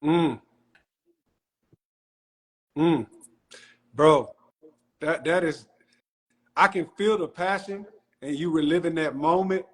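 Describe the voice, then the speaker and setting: A man's voice: fairly high pitch, slow pace, long pauses, rough recording. A man hosting an interview, giving short affirming replies and reflecting on the guest's story. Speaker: host. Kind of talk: casual interview.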